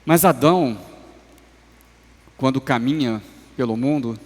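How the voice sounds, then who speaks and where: Man, Brazilian Portuguese accent, preacher, very slow deliberate sermon, emphatic swells and soft drops, long reverb of a church hall. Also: medium pitch. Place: church sanctuary.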